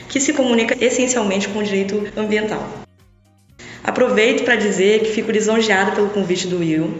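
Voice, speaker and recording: A woman's voice: medium pitch, a little hiss or hum. Young woman guest in an echoey room. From Brazil. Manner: reflective, with frequent tag questions. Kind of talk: casual interview talk. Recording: echoey long-reverb lo-fi room.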